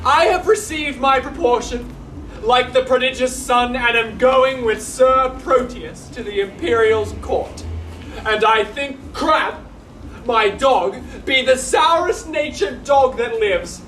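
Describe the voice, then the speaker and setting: A man's voice: extremely high pitch, slow pace, a bit bright, exaggerated voice. A man playing a weepy, melodramatic comic servant in a live Shakespeare comedy, fumbling lines and cracking up. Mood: mournful. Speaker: stage actor. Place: theatre performance space. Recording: distant echoey stage recording.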